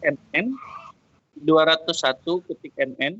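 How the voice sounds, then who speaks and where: A man's voice: on the high side, measured pace, a bit bright, no echo, lo-fi sound. A man teaching a programming class over a video call, guiding students patiently step by step while his audio keeps breaking up and cutting out. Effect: choppy call audio that keeps cutting out. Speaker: programming lecturer. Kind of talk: online class instruction.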